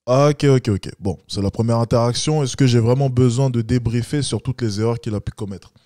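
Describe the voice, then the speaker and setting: A man's voice: a little fast, mellow, no echo. A man giving blunt, lecturing reaction commentary as a dating coach. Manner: blunt, lecturing, mocks with high-pitched imitations.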